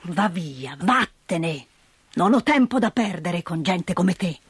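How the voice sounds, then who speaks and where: A woman voicing a grumpy old mountain grandfather who speaks curtly and gruffly in a storybook reading. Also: sits low, expressive, a little slow, no echo, voice pushed down, full character voice. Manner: curt, gruff, muttering.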